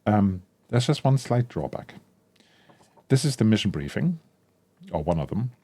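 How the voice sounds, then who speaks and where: A man's voice: lowish voice, big pitch swings, measured pace, warm tone. A man giving casual, enthusiastic unboxing commentary as a tabletop game creator, thinking aloud with frequent ums and self-corrections. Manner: enthusiastic about the product. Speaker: tabletop RPG content creator.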